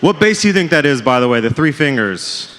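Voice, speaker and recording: A man's voice: mid-range voice, very animated, brisk, fairly bright tone. A man doing a stand-up set on a comedy club stage, with self-deprecating, punchline-driven jokes, often calling the crowd folks. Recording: live club with long reverb.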